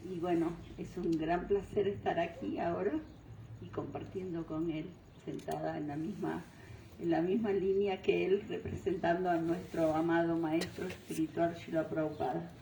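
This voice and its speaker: An older woman from Venezuela giving a devotional talk, pausing often and searching for words. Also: fairly low pitch, steady tone, dark tone, slight background noise. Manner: unhurried, searching for words, frequent fillers. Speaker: guest speaker. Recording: distant mic in roomy hall.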